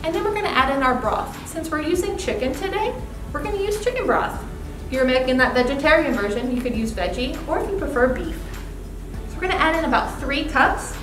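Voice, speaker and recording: A woman's voice: high voice, big pitch swings, brisk. A young woman giving an upbeat, step-by-step cooking demonstration at a demo kitchen set. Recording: roomy distant mic with music.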